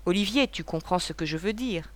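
A woman's voice: on the low side, animated, a little fast, close to an everyday voice. A woman reading the part of a fragile, loving young wife in an audiobook, with a tearful, pleading manner. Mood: tearful, tender.

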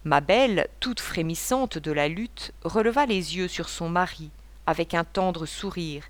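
A woman narrating a novel as an audiobook, in a measured literary reading. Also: on the low side. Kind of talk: scripted narration.

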